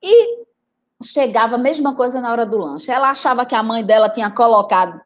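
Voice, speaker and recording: A teacher from Recife gives a storytelling talk and speaks straight to her audience. Her voice sits high and swings widely in pitch. She sounds chatty and expressive throughout. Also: fairly quick, dull audio. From Recife, Brazil. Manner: animated, chatty, addresses audience directly. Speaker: teacher and writer giving a talk. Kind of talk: lively storytelling lecture.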